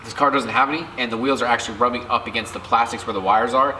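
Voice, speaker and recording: A man's voice: medium pitch, fairly even intonation, rapid-fire, bright, forceful tone, echoey room, a little hiss or hum, rough recording. A man with a stuffy, allergy-blocked voice, talking casually about cars as a guest on a vlog, rambling and correcting himself. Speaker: guest car enthusiast.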